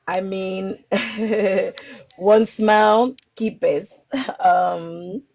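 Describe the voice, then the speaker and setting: A community organizer from the Bronx, New York, answers interview questions casually and hesitantly, searching for her words. Her mid-range voice is fairly even, with drawn-out words, vocal fry, and a darkish tone, on dull lo-fi audio with background noise and clicks.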